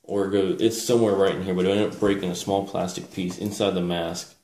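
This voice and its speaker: A man's voice: low-pitched, flat delivery, fairly quick, darkish tone. A man giving a casual, unscripted show-and-tell as a presenter, hesitant and rambling, often correcting himself. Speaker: presenter reviewing collectible military gear. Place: small indoor room at a table. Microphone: camera mic, speaker off screen. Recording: roomy echo with background hiss.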